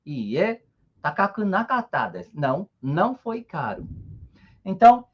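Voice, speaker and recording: Husky man teaching, lively pitch. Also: highs cut off. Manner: patient, checks in often with short tags. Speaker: Japanese teacher. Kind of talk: online language lesson.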